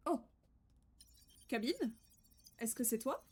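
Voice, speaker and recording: A woman's voice: fairly high pitch, big pitch swings, slow, slightly rough. A woman doing casual live let's play commentary as a game streamer, informal, chatty and affectionate with her viewers. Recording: faint game music behind.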